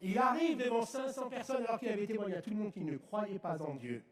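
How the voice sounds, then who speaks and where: A man from France gives an emphatic, story-filled sermon outdoors, his voice sitting fairly high and often swelling to a shout. He mixes humour into the preaching. The sound carries a strong echo from the public-address setup. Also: fast talker. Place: outdoors in woods at a festival.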